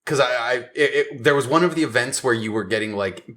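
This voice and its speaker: A man's voice: medium pitch, fairly quick, fairly bright tone. A man co-hosting a podcast, chatting casually about a game in a joking, teasing way and laughing easily. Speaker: podcast co-host. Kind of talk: casual gaming chat.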